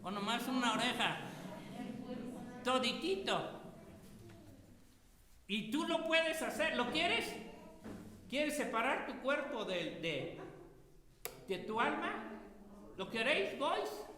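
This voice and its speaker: A man preaching a sermon to his congregation, animated and firing rhetorical questions at his listeners. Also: very high-pitched, slow, pauses often, a crowd in the background. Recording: echoey hall with long reverb.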